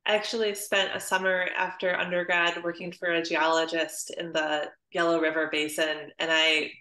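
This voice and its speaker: Hesitant and courteous, filling her speech with fillers, an Illinois woman in the audience asks a speaker questions in a casual exchange. Her voice is on the low side with little pitch movement, a sharp tone, and a moderate pace, heard in an echoey room.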